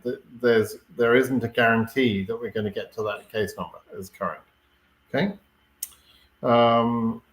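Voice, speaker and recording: A man hosting a live question-and-answer stream, explaining things in a relaxed way and often checking in with "right?" and fillers. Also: mid-range voice, reverberant. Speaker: host answering viewer questions. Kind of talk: live Q&A chat.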